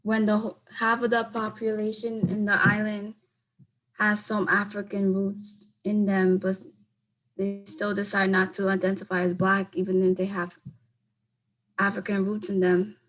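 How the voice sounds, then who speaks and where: A woman's voice: mid-range voice, completely flat delivery, a little slow, poor audio. Earnest young woman giving a class speech. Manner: earnest, leans heavily on "like" when speaking off the cuff. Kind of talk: class speech and answering questions.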